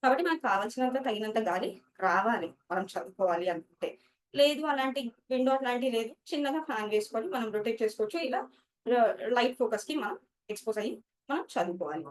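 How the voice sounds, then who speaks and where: A woman's voice: on the high side, animated, brisk, far from the mic. A woman teacher, explaining study skills to students and mixing English words into her talk.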